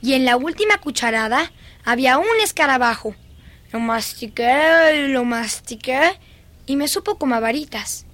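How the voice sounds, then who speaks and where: Eerie little Flora, high and bright. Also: female voice, animated, brisk. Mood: chatty. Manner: singsong, lingering, childlike. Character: eerie, dreamy little girl fascinated by dead beetles. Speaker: dubbing actress. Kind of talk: film dubbing.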